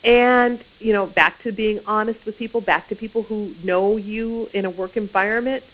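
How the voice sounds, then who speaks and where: A woman's voice: medium pitch, fairly even intonation, moderate pace. Tinny-sounding woman giving career advice. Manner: conversational, often says "you know", restarts phrases. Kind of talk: informal instructional talk.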